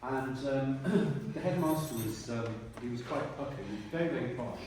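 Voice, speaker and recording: A man, a retiring teacher giving a rambling speech at a dinner and often clearing his throat. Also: mid-range voice, normal speed, darkish tone. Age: 60s. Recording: echoey hall from far off, noisy.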